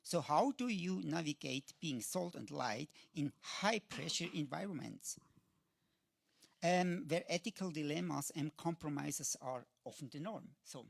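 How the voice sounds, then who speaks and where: Gravelly halting man asking questions. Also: on the high side, expressive, no echo, studio quality. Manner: halting, searching for words. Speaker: host, interviewer. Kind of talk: interview questions.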